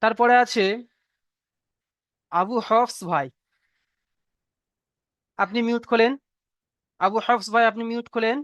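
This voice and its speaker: A man's voice: very high-pitched, fairly even intonation, fairly bright tone, no echo, highs cut off. A man teaching Arabic letters in an online class, patient and encouraging, stretching out the letter sounds to show how they should be read. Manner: patient, repeats praise and drawn-out letter sounds. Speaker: Quran reading teacher. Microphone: video call.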